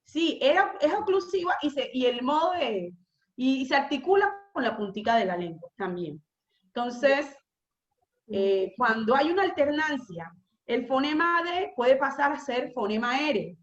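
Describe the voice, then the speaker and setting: A woman lectures a class in a high, bright-pitched voice. She explains patiently, slows down to repeat key terms and checks in with rhetorical questions. The room rings with echo, and the recording sounds a little dull and lo-fi. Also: animated. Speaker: teacher.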